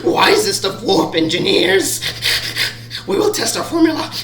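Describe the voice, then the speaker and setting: A man voicing a fawning male underling who quivers with fear and flatters his master. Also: high-pitched, a little slow, slight background noise, voice pushed up, heavily acted. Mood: fawning shrill. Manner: groveling, flattering. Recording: roomy sound, faint background music.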